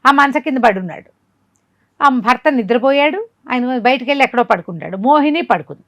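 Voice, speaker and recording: A slightly high female voice, recorded dry. The storyteller relays a folk tale to a listener in a casual, lively manner, acting out the quoted dialogue along the way.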